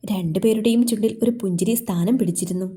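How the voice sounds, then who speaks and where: Mellow-voiced woman storyteller. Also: medium pitch, fast talker, slightly rough. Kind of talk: scripted narration.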